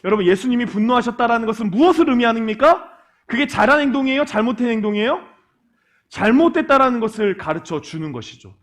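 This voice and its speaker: Casting: male pastor, very high voice with a lot of swing, lively sermon to a youth group, quizzes the room, jokes along the way. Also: quick pace. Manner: lively, asks the congregation questions and acts out quoted lines; joking asides.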